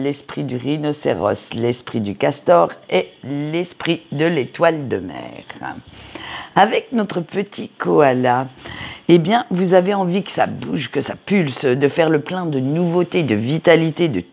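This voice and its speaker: A card reader giving a weekly forecast to listeners, pausing often with fillers and restarting phrases, gently advising. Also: mid-range voice, vocal fry. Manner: hesitant, frequent fillers and restarts; gentle advice-giving, addresses listeners directly. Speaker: tarot and oracle card reader.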